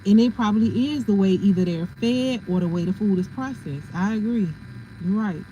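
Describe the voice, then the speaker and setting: A woman's voice: mid-range voice, moderate pace, mellow, a little hiss or hum, rough recording. A woman hosting a casual livestream, chatting and laughing as she answers viewers' comments. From family from South Carolina. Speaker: livestream host.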